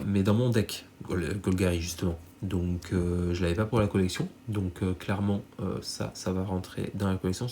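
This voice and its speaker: A man's voice: lowish voice, a little mellow, slight background noise. A man with a stuffy nose from a cold, chatting casually to viewers as he shows off cards he bought, rambling with many fillers and restarts. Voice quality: nasal. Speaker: card collector YouTuber. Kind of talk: casual unboxing chat to viewers.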